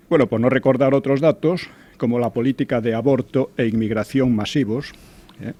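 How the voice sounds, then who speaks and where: A man's voice: mid-range voice, darkish tone. An older man giving conversational commentary as a regular guest, hesitant, with frequent restarts and tag questions.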